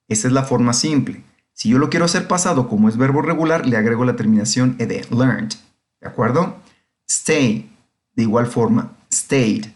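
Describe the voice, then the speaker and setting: Male teacher, patient step-by-step grammar lecture. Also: mid-range voice. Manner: patient, repeats "¿de acuerdo?" to check understanding. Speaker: English teacher. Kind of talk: classroom lecture explaining grammar.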